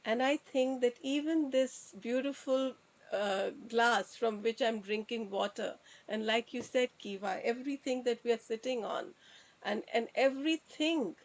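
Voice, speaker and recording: A woman's voice: a little high, unhurried, rough recording. A woman sharing a personal reflection in a group circle, earnest and hesitant, with fillers and repeated words. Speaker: circle participant.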